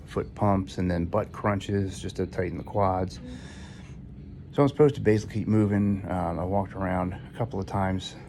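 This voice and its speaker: A man with a low, gravelly voice talks casually to a video diary as a patient, halting and matter-of-fact as he searches for words, in a hospital room. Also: a little mellow. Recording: noisy room ambience behind voice.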